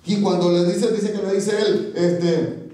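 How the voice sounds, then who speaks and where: A male pastor preaching a sermon, telling a story dramatically with sudden swings in pitch and pace. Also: steady tone, measured pace, warm tone. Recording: echoey church from far off.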